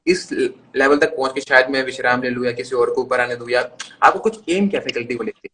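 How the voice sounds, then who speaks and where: A man's voice: mid-range voice, brisk, sharp tone, a little hiss or hum. A man with an Indian accent hosting a live stream interview, polite and eager. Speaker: interview host. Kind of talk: casual interview. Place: live stream video call. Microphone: video call.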